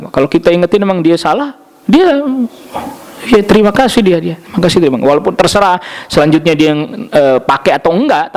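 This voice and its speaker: A man giving a mosque study lecture, telling anecdotes with jokes and answering questions directly. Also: high-pitched. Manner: lively storytelling with jokes and acted quotes. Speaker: Islamic preacher.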